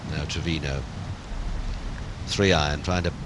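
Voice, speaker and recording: A man's voice: fairly even intonation, unhurried. A man giving golf commentary on a televised match, wryly savouring each shot with colourful phrasing. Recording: very noisy outdoor broadcast, wind and traffic-like rumble. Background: outdoor golf course ambience.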